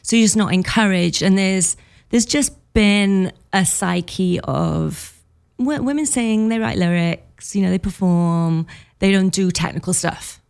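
A woman's voice: mid-range voice, a little slow, creaky, darkish tone, clean tone. A woman from Wales, a music producer, chatting candidly as a studio guest on a radio show and laughing often. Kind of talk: casual radio interview.

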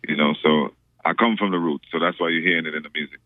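A man's voice: rumbling low, fairly even intonation, fast, no echo. A man from Trinidad, a reggae musician, chatting casually as a radio guest in a laid-back way, full of fillers and repeated words. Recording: dry tinny phone line.

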